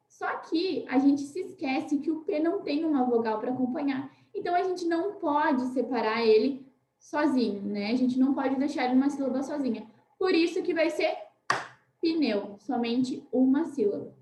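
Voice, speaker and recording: A Brazilian teacher with a high, light voice talks young pupils through a lesson, slowing right down to spell out each word. She keeps checking in with a gentle "né?", and the room around her rings with echo. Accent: Brazilian Portuguese. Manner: patient, spells words out slowly, often asks "né?". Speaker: primary school teacher. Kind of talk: recorded online class for children.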